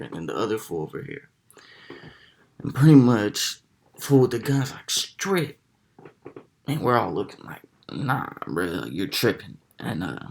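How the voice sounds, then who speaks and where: A young man telling a personal story in a casual, slang-heavy, animated way with lots of swearing. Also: medium pitch, vocal fry.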